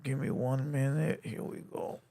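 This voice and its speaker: A man's voice: mid-range voice, level tone, moderate pace, vocal fry, dark tone, no echo. Casual male streamer, easygoing slang, dead-dry close sound. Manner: laid-back slang, lots of "you know" and "bro". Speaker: livestream host. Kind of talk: casual livestream commentary.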